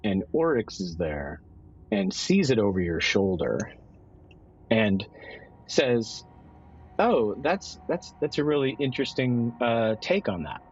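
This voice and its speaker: A guest player at a tabletop game improvises a story, explaining things casually and restating himself as he goes. His medium-pitched voice is sing-song and slightly breathy, he takes his time, and the microphone sounds dull and a bit lo-fi.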